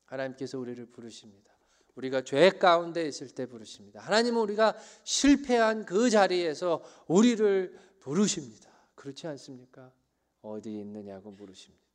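A middle-aged man preaching a sermon as pastor, swinging between loud emphatic bursts and quiet dropped phrases. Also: high voice, expressive, brisk. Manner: preaching with rising emphatic bursts and soft drops.

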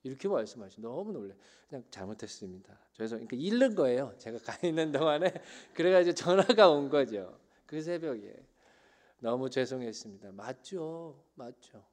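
Korean pastor preaching with emphatic swells. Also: male voice, fairly high pitch, very animated, moderate pace, hardly any pauses. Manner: preaching with rising emphatic bursts and soft drops. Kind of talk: sermon.

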